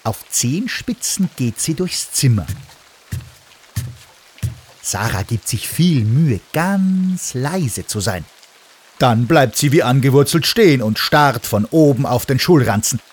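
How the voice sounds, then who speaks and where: A man reading a children's story aloud in an expressive, animated way. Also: medium pitch, takes it slowly, faint music behind.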